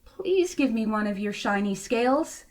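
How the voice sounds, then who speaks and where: A woman's voice: on the high side, moderate pace, natural voice. A woman voicing a small, eager, pleading young blue fish from a children's storybook. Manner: pleading, excitable.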